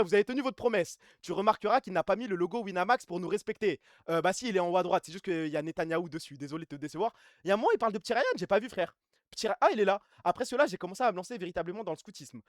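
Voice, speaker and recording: A man streaming live, reading out reviews and news and answering his chat in quick, slangy speech. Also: high voice, dry recording, clean studio sound. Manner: fast, slangy, reacts to chat. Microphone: streaming mic, gain adjusted mid-stream.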